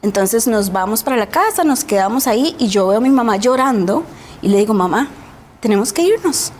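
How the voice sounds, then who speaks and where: Earnest Costa Rican woman, slightly high voice. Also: lively intonation, a little fast, slight background noise. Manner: earnest, reflective, often adds a questioning tag. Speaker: guest. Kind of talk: personal storytelling in a TV interview.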